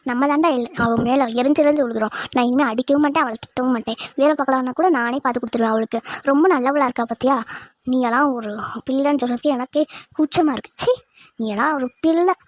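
A woman's voice: sits high, fast. A woman voicing a fond, scolding middle-aged mother-in-law in a cartoon, with a Tirunelveli Tamil accent. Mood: emphatic. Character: doting middle-aged mother-in-law, bossy with her son. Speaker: cartoon character.

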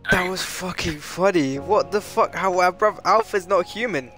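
A man's voice: sits high, moderate pace, fairly bright tone, soft background music. A young man hosting a casual gaming session, joking, laughing and swearing freely with a friend. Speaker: gaming channel host.

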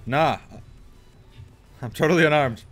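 A man giving casual gameplay commentary, excitable, swearing and yelping at enemies. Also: on the high side, unhurried, faint music behind. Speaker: gameplay streamer.

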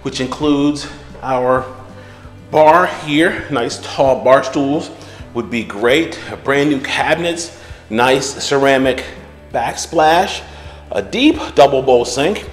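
Relaxed man touring a house. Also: medium pitch, slow, soft background music. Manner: relaxed, explanatory, frequent "uh" fillers. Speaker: real estate agent. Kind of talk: walkthrough home tour narration. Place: outdoors then inside an empty house.

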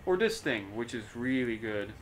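A man's voice: mid-range voice, lively intonation, normal speed, a little hiss or hum, poor audio. A man chatting casually and playfully in slang as he plays a video game and comments on it. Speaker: gamer playing and commenting. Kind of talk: casual gameplay banter.

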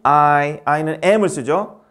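A man teaching an English grammar lesson, brisk and quizzing his student as he goes. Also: a little high, a bit bright, smooth.

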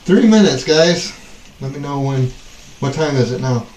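A man in his twenties hosting a casual stunt vlog, talking in halting bursts and exclamations as he deals with the cold. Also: medium pitch, animated, a little mellow. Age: 20s. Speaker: video host. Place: small bathroom, in the tub, filmed by another person's handheld camera. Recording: echoey bathroom with noticeable background noise.

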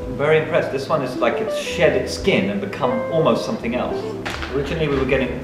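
Speaking fast in a medium-pitched voice, a young coffee reviewer and show host thinks aloud with enthusiasm during a casual tasting. He's in a dim cafe interior, a small room, picked up by a distant camera mic that sounds roomy, with music playing behind.

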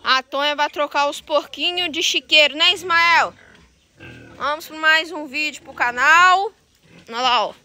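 A high-pitched woman chats to her viewers while she films outdoors on a farm with her phone. Her voice is bright and clear, and she keeps coaxing the animals with quick repeated calls. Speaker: vlogger. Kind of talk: casual farm vlog.

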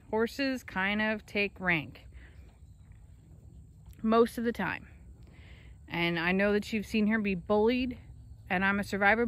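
This woman's voice sits in the mid range and sounds a little bright. She's narrating off camera while filming her farm animals on a phone in an open pasture, talking to them casually and scolding them affectionately.

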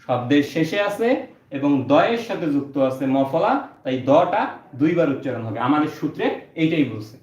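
A man's voice: fairly high pitch, expressive, a little fast, a little mellow. A male teacher, giving an exam-prep lesson and explaining step by step, saying each point twice. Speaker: Bangla teacher. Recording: roomy, dull lo-fi sound.

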